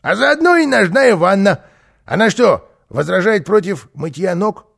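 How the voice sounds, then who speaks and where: Man putting on Karlsson, a cocky creaky show-off. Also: sits high, big pitch swings, unhurried, pitched above the performer's own voice, heavily acted. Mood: boastful, teasing. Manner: showy, singsong, self-praising. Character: boastful, mischievous plump little man who flies. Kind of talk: storybook reading, voiced character.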